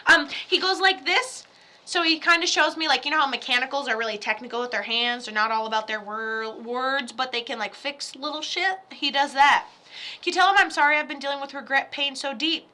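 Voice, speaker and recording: A woman working as a psychic medium, giving a chatty, animated reading over a video call with quick asides and the odd swear. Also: sits high.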